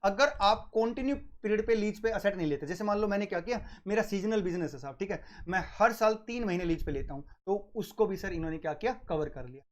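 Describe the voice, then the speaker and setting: An accounting exam tutor lectures his class in a high, lively voice, speaking fast with hardly any pauses. He asks his students questions, answers them himself, and fondly calls them "beta" and "sahab."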